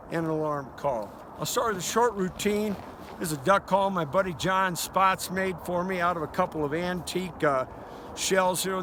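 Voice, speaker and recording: An older man with a folksy, conversational manner, giving a casual hunting lesson as a duck calling instructor. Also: a little high. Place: outdoors by a river. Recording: noisy outdoor recording with ambience. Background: outdoor noise, duck call quacks.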